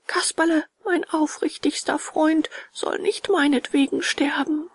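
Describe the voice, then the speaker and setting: A woman voicing a brave, earnest wooden puppet boy in a high, eager voice. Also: fairly even intonation, unhurried.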